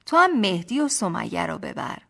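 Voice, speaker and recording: A woman reading the lines of an affectionate, teasing young husband in a slow, gentle storybook voice. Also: fairly low pitch, huge pitch swings, vocal fry, heavily acted.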